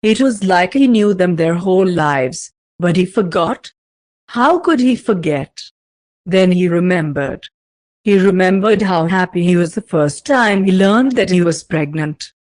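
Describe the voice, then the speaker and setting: A woman narrating a fanfiction story aloud in a steady, even storytelling manner. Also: lowish voice, a little slow, dry recording.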